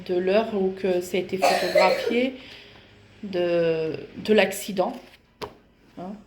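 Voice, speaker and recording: A woman vlogger chatting casually and hesitantly as she shows off her books, with many fillers. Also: medium pitch. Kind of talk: casual book show-and-tell. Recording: echoey room with faint noise.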